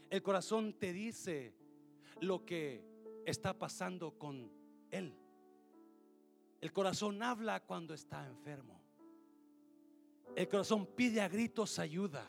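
A man preaching an impassioned sermon, mixing in English phrases and at times rising to a shout. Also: high voice, gravelly. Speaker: pastor.

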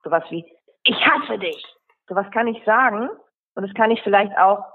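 A woman's voice: mid-range voice, fast, slight background noise. A woman rhetoric coach answering interview questions, explaining at length and listing examples in runs. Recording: tinny phone-like line.

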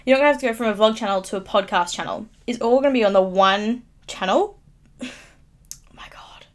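A young woman of about nineteen chatting on her own podcast, rambling and teasing herself, recorded close on a good mic at home. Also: a little high. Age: late teens. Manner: chatty, self-mocking, giggly asides. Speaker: YouTuber. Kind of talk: casual solo podcast chat. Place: home room, upstairs. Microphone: studio microphone, close.

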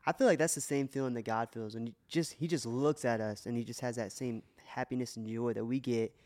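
This podcast co-host shares his faith with heartfelt emotion, often stopping and starting over mid-thought in the casual conversation. His medium-pitched voice is a little mellow, fairly quick, and fairly even in intonation.

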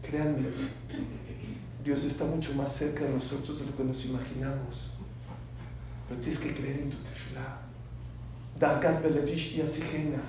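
A man teaching a sermon full of stories, swinging between soft asides and loud emphatic bursts. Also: medium pitch, flat delivery, normal speed, long pauses. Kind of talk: sermon with storytelling. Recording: very echoey room from far off, faint hiss.

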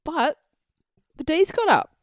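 A woman's voice: sits high, very animated, slow pace, no room sound, studio quality. An Australian woman hosting a casual sports chat podcast. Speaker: podcast host.

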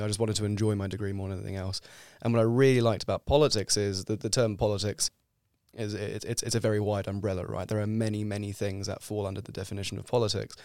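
Young man, smooth and clear. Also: fairly low pitch, a little mellow, no echo, studio quality. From France. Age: young adult. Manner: measured, explains at length with small restarts. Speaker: guest researcher. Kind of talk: podcast interview.

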